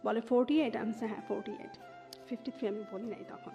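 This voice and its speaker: Talking fast in a mellow, slightly high voice, this interview guest relates her own experiences in Bengali mixed with English. She has a Bangladeshi accent. The audio is dull and reverberant, with music in the background.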